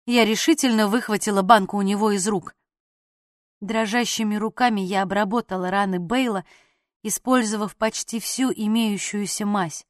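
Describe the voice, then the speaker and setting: A woman narrating a novel in the first person, reading in a clear, expressive way. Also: medium pitch, normal speed, no echo, clean studio sound. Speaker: audiobook narrator.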